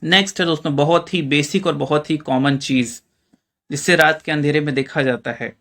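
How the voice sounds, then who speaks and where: A man with an Indian Hindi accent teaches in a chatty lesson style, his voice sitting high for a man. He keeps putting questions to the listener and calls them friends as he explains each word. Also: fairly even intonation, normal speed, a bit bright. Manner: quizzes the viewer with rhetorical questions. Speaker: English teacher.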